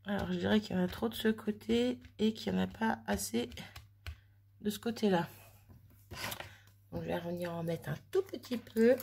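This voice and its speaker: At a moderate pace and medium pitch, this woman's mellow voice carries vocal fry and frequent pauses, with slight background noise. She's a crafter casually narrating a mixed-media tutorial at home, chatty and self-deprecating, working things out aloud, while an oven runs in the background of her craft room.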